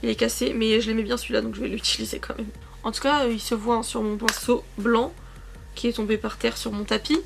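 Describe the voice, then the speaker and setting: A young woman in her twenties with a slightly high voice talks through her makeup in a relaxed, chatty way. She rambles, corrects herself mid-sentence and leans on fillers, speaking into a camera mic at home. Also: fast, gravelly, background noise. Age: 20s. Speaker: beauty vlogger. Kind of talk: casual makeup chat. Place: sitting on her couch at home.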